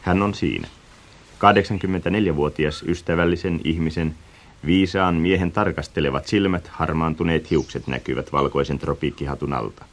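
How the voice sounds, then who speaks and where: Deep-voiced man narrating a radio reportage. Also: steady tone. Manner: measured, descriptive and reflective.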